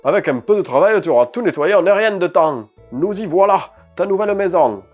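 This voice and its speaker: Un homme qui prête sa voix à une charpentière de village enjouée, avec un accent du Sud de la France, dans un jeu vidéo. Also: male voice, sits high, expressive, a little fast, a little mellow, soft background music, voice pushed up. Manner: aigu, sonore et chantant.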